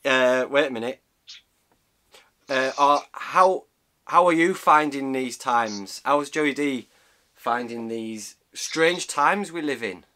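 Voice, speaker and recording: Bantering with a mate over the phone, a British vlogger in his thirties keeps the interview jokey and casual from a small indoor cabin. This time his voice is mid-range and sharp in tone, and he speaks slowly.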